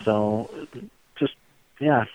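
A man from Tennessee with a slow, unflappable Southern drawl, talking reflectively as an interview guest. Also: on the low side, a little mellow, a little hiss or hum. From outskirts of Memphis, Tennessee. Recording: muffled narrow phone-like line.

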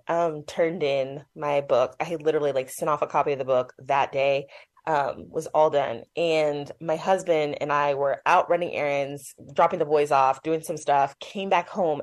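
A woman in her thirties, an author guest on a radio interview, telling a personal story in a candid, animated way. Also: low-pitched.

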